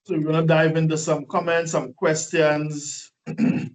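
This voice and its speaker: A man giving a lively, preachy motivational webinar talk full of rhetorical questions, over a video call. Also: fairly high pitch, unhurried, distant mic, low-quality recording. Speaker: guest speaker.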